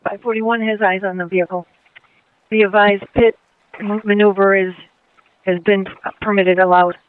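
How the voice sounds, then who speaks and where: A man's voice: sits high, little pitch movement, normal speed, clear, resonant tone, no room sound. A man dispatching over police radio, repeating back each report in short clipped phrases. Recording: tinny police radio transmission.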